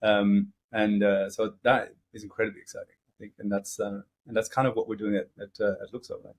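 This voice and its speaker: A man's voice: lowish voice, level tone, fairly quick, slight background noise. A middle-aged man talking as an interview guest, casual and hesitant, with frequent fillers and restarts. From grew up in several countries.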